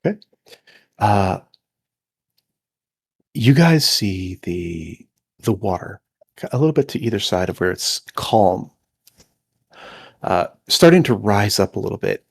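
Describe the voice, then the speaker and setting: Male GM, gravelly and husky, animated delivery, halting narration. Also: fairly low pitch. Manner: lively, halting narration with many fillers. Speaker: game master. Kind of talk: narrating a tabletop game.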